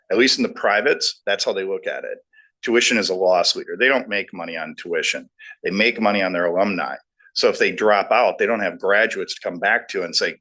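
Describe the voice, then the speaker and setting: A man's voice: sits low, bright, forceful tone. A middle-aged man on a board sharing folksy, anecdotal points with emphasis during a meeting discussion. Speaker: board trustee.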